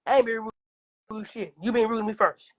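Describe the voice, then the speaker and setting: A woman's voice: on the high side, brisk, highs cut off. A woman livestreaming from her phone, coughing now and then, talking back to viewers in a combative, profane casual rant.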